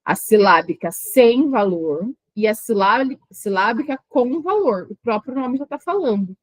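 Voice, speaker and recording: A woman's voice: a little high, lively intonation, unhurried, no room sound. Woman teacher, syllable by syllable. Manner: explains patiently, sounds out words syllable by syllable. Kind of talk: online exam-prep lecture.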